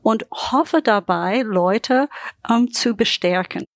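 A woman's voice: on the high side, takes it slowly, no echo, studio quality. A middle-aged or older woman with an American accent in German, speaking reflectively as a podcast guest and searching for her words. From United States. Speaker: podcast guest, business development trainer. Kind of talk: conversational interview.

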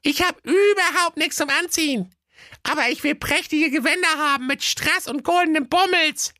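A man's voice: normal speed, bright, forceful tone, dry recording, clean studio sound. A man voicing a greedy, lazy, demanding wife who scolds her husband in a comic audio fairy tale. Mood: bossy. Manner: shrill, bossy, scolding.

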